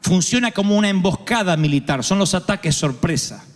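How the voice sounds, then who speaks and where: Animated Argentine preacher in a big hall. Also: male voice, high voice, brisk. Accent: Argentine Spanish. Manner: humorous storytelling, acts out voices. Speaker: pastor. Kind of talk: sermon. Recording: long reverb of a large hall.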